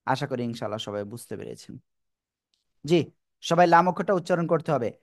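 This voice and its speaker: A man's voice: mid-range voice, expressive, fast talker. A man teaching an online class over a video call, repeating his instructions and encouraging the students.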